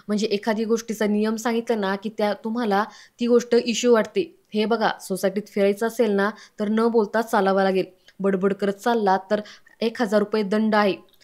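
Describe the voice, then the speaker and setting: A woman recounts a television serial episode scene by scene in a Marathi accent. She reads out every character's dialogue herself in a steady, mid-pitched voice. Her intonation stays flat and even throughout. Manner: reads all characters' lines herself, quoting them in a mostly even tone. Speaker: serial episode recap narrator. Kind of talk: storytelling recap of a TV serial.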